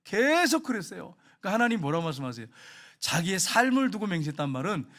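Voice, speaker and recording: A man preaching a sermon as pastor, emphatic, repeating phrases and swinging from loud appeals to quiet asides. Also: high-pitched, very animated, fast. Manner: emphatic, repeats phrases, rises and drops sharply.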